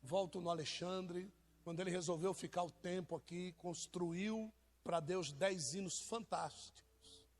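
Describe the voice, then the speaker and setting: A man with a Brazilian accent, preaching an informal sermon and joking with members of his congregation. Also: on the high side. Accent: Brazilian Portuguese. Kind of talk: informal sermon to a live church.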